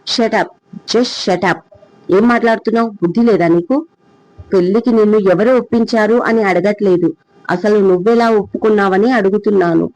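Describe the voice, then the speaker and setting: A man's voice: high-pitched, steady tone, moderate pace, darkish tone, no room sound. Young man, heartbroken and insistent, read by the narrator, muffled dry sound. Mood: angry. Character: young man, lovesick and angry. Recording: dull lo-fi, dry.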